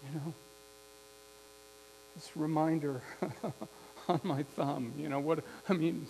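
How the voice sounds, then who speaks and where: A man preaching a sermon, telling a story slowly and reflectively with some restarts. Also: fairly high pitch, steady tone, vocal fry, warm tone, low-quality recording. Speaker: pastor. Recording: faint mains hum.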